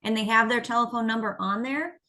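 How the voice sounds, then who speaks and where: A woman with a high, very bright voice asks a question over a video call. She speaks hesitantly and pauses before she gets to the point. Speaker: trainee agent. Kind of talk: asking a question.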